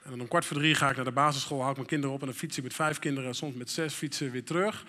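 Very fast and sharp, yet steady and medium in pitch, a middle-aged pastor's voice echoes through a church hall. He preaches in a candid, conversational way, using frequent fillers.

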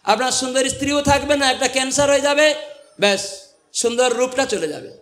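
A monk preaching a devotional sermon to a live audience, asking it rhetorical questions and quoting scripture. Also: male voice, extremely high pitch, a little fast, fairly bright tone.

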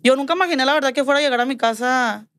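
A podcast guest from Mexico recounts something from her own life in a relaxed storytelling chat. Her high voice races along, recorded dry. She animates the tale by performing quoted lines, with "me dijo" coming up repeatedly.

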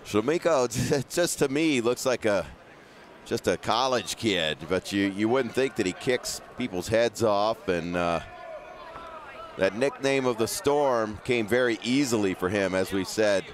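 A man's voice: lowish voice, lively intonation, unhurried, slight background noise. A man giving conversational fight analysis as a colour commentator.

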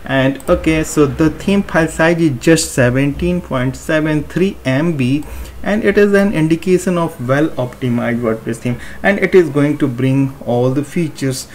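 A man's voice: fairly high pitch, moderate pace, a little mellow, slight background noise. Man explaining a website theme setup. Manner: explanatory, step-by-step, repetitive phrasing. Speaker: WordPress tutorial presenter. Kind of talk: screen-recorded tutorial walkthrough.

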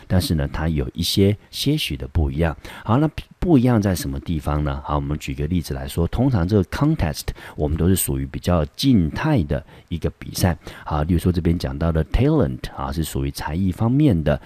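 A very deep, dark male voice with a Taiwanese Mandarin accent, teaching English words in a patient, explaining way. The recording is close and dry, with no room sound. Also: no echo. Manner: explains patiently, often starting with "好". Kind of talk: classroom vocabulary lesson.

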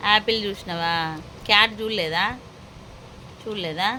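A woman's voice: mid-range voice, moderate pace, noisy background. A woman in her thirties with a Telangana Telugu accent, chatting with her children at home and narrating her cooking for a family vlog. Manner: coaxing, questioning children, then quiet cooking narration. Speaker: mother and vlog host. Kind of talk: casual family vlog chat. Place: home kitchen.

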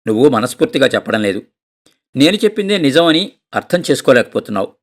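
Stern know-it-all husband in a story, gravelly and pushy, as a man reads him. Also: mid-range voice, sing-song, fast. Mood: insistent. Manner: insistent, scolding. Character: stern middle-aged husband, practical, lecturing.

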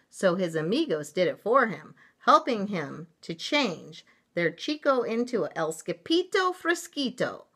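A woman reads a children's picture book aloud, taking her time and stretching words for effect. Her voice is bright and sits a little low, yet it swings widely in pitch. She sounds relaxed and deliberate throughout. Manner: expressive and unhurried, drawn-out words. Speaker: storyteller.

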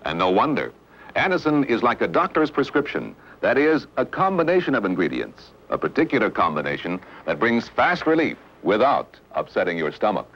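A man narrating a scripted vintage commercial as announcer, in emphatic, deliberate, punchy phrases. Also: lowish voice, wildly swooping pitch. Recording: dull old television commercial audio.

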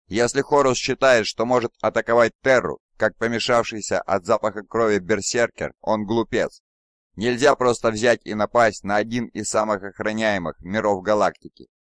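A man voicing Fulgrim, an arrogant, wrathful male demigod warlord who shouts orders with imperious contempt. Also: lowish voice, no echo, clean studio sound.

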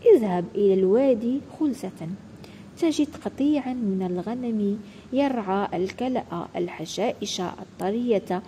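A cunning storybook fox who speaks low and secretive, sometimes dropping his voice even deeper, as a woman reading the tale puts him on. The tone stays mellow and warm. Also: normal speed, a little hiss or hum, lightly acted, poor audio. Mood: whispering. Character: sly clever male fox, smooth and secretive.

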